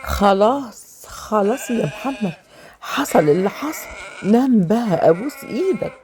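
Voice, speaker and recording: An actress playing a young wife who coaxes and pleads, with an Egyptian accent. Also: female voice, medium pitch, animated, darkish tone, natural voice. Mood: coaxing. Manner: coaxing, quick. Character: young wife, soothing, caught between mothers.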